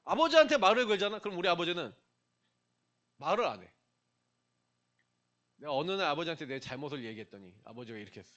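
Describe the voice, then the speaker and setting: A man's voice: a little high, very animated, fast talker, long pauses, fairly bright tone. A middle-aged man preaching to young people in a church, talking casually and putting questions straight to his listeners. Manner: conversational, questions the listeners directly. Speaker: pastor.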